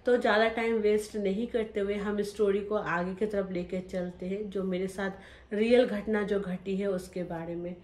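Her voice sits in the middle range with a darkish tone and little pitch movement, and she keeps a moderate pace. This young woman narrates her own story to viewers with emotion, talking right to them and re-enacting moments. The room gives the recording a noticeable echo.

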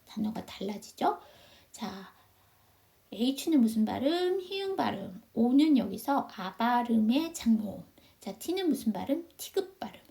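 A woman's voice: fairly high pitch, big pitch swings, measured pace, creaky, dark tone. A woman English teacher giving an online phonics lesson, asking her students questions and answering them herself in a patient, step-by-step way. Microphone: video call.

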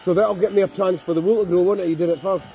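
A woman's voice: lowish voice, steady tone, very fast, dark tone. A Scottish woman chatting casually in a sheep pen outdoors, joking and swearing freely while someone shears. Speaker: farm helper chatting during shearing. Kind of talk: casual banter. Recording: outdoor noise and clipper buzz.

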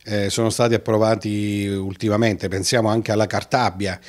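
A man's voice: on the low side, little pitch movement, moderate pace. A man heading a press association, giving a statement for the news with hesitations and restarts. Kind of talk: interview statement.

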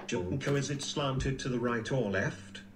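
Slow synthetic male voice, echoey room. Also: mid-range voice. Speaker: donation alert text-to-speech voice. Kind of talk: flat read-out of stream messages. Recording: echoey speaker playback with faint noise.

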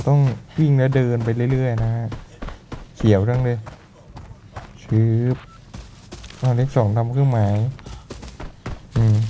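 A man's voice: medium pitch, mellow, a little hiss or hum. A man with a Thai accent giving casual, chatty commentary while playing a shooter game, laughing often and explaining as he goes. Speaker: gaming YouTuber.

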